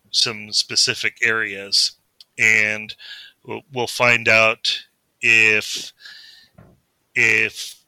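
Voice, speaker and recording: A man who is a podcast guest, talking sports casually in a halting, hesitant way with many filler sounds. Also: on the low side, creaky, pushed and bright, dry recording, poor audio.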